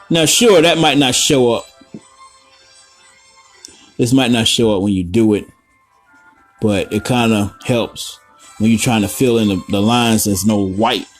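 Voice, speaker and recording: A man hosting a casual coloring tutorial, rambling through profane, joking asides while he works. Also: mid-range voice. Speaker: art tutorial host.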